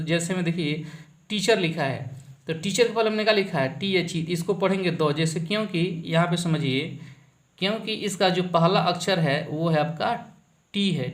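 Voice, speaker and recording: A man's voice: sits high, reverberant. A man teaching an English grammar lesson, asking a question and then answering it himself, often repeating the key words.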